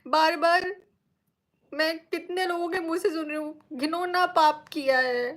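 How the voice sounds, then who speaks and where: Tearful high-voiced woman pleading on a live stream. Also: fairly even intonation, unhurried, a bit bright. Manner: pleading and indignant, repeats phrases. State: tearful, crying. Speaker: social media creator. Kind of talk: emotional live-stream appeal. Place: her bedroom.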